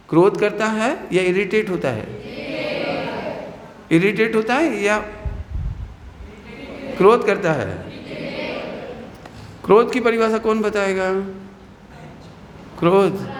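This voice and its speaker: Man, religious teacher, high voice; playful class talk with questions and mock scolding; echoey hall with a faint hum. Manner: acts out scolding mothers and teachers. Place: hall with children. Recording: echoey hall with long reverb.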